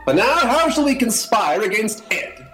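A man's voice: sits high, big pitch swings, moderate pace, bright, forceful tone, echoey room, faint music behind, exaggerated voice. A man playing a pompous British blackguard. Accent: put-on British. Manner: pompous, boastful. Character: pompous British male villain Cyril. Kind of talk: comedic audio drama.

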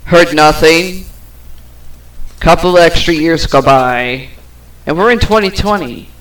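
Slow-talking woman ranting on her podcast. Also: low-pitched, rough recording. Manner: rambling, swears, trails off with fillers. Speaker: podcast host. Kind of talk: personal podcast rant.

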